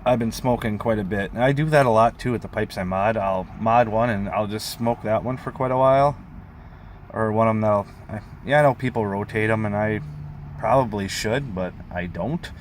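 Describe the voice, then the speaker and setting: A man's voice: on the low side, moderate pace, a little hiss or hum. A man rambling informally in a casual hobby vlog, meandering and often leaving sentences trailing. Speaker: pipe hobbyist vlogger.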